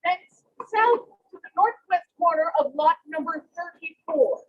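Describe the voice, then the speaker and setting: Lady doing a town crier proclamation, super high voice, slow n solemn, bit muffled recording. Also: lively intonation. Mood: ceremonial proclaiming. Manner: declamatory, ceremonial, drawn-out phrasing. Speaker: town crier in a historical reenactment. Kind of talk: town crier proclamation, formal reading of an act.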